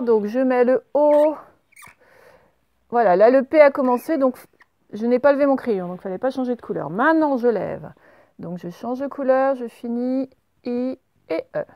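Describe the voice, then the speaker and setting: A woman teacher leading a remote handwriting and dictation lesson, slowly spelling words out letter by letter. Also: fairly high pitch, darkish tone, no room sound. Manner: slow, spells out letters step by step. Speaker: primary school teacher.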